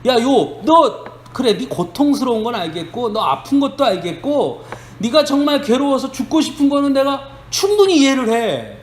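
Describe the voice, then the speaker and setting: A man's voice: on the high side, very animated, measured pace, reverberant, pitched below the performer's own voice. A man playing a blunt ancient male friend who lectures and reproaches a suffering man, in a preachy, scolding manner. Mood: reproachful.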